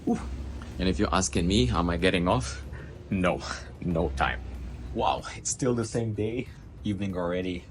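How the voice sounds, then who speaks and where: A man's voice: deep voice, normal speed, long pauses, slight background noise. A man chatting casually as he vlogs his working day as an assistant cruise director. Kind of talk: casual vlog chat.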